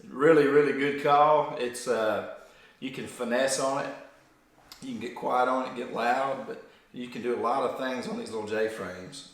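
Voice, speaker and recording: Here a man with a mid-range voice and moderate pace shows off duck calls, talking informally and folksily as he demonstrates. The space sounds very reverberant.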